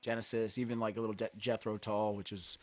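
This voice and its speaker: A man's voice: lowish voice, level tone, fast, a little mellow, dry recording. A man hosting a casual music chat podcast, easygoing and rambling with fillers. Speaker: podcast host.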